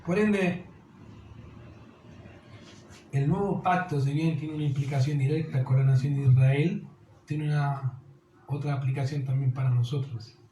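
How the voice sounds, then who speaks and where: A pastor delivers an earnest sermon, his voice pitched fairly high yet mellow in tone. He keeps asking his listeners rhetorical questions. The echoey church hall carries a faint hiss of noise. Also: steady tone, unhurried, long pauses. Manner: earnest preaching, calls listeners "dear", asks rhetorical questions.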